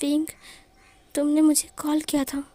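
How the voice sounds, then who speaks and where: A woman voicing a calm, devoted young man who speaks gently and soothingly. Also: high-pitched, measured pace, dry recording. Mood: gentle.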